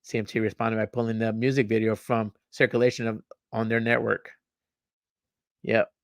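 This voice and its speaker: A young man hosts a podcast, reading a news story aloud and ranting over it. His voice has a gravelly edge, and it is recorded dry and close. He stumbles, repeats words and swears freely as he gets worked up. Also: fairly low pitch, little pitch movement, normal speed, no room sound. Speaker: podcast host.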